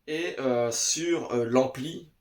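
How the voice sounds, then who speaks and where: A man's voice: medium pitch, slow, a little hiss or hum. A man chatting casually to the camera at home, hesitant and full of "euh" fillers, talking straight to the viewer. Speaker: vlogger reviewing VHS tapes. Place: home basement. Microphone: camera in front.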